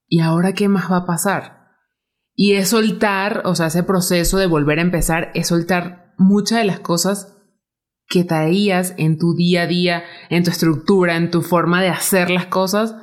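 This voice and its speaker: A woman hosting a casual conversation, telling stories and acting out quoted voices. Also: fairly low pitch. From Venezuela. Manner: animated storyteller who acts out quotes. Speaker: podcast host.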